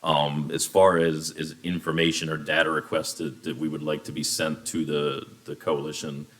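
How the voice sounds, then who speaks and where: A man speaking for a union coalition in a bargaining session, measured and deliberate, slowing down to dictate data requests in a meeting room. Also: extremely low pitch, level tone, a bit bright. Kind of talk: formal negotiation statement.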